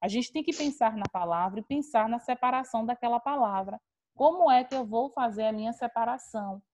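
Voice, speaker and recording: A woman's voice: fairly high pitch, brisk, noisy background. A woman teacher with a Brazilian accent, patiently explaining grammar in an online class and repeating key terms.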